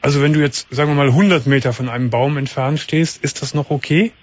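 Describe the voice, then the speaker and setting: A man's voice: on the high side, fast. A man hosting a late-night radio call-in show, talking with a caller in a probing way. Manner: probing, interrupting with questions. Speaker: radio talk show host. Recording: slightly dull broadcast sound.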